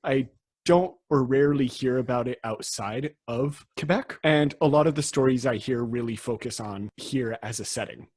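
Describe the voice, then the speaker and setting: A man from Canada chatting loosely on a podcast about folklore topics. His voice is a little husky, and he laughs easily and trips over his own starts. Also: medium pitch, normal speed, a little mellow. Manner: laughs often, restarts and hedges. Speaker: podcast co-host. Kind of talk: casual podcast chat.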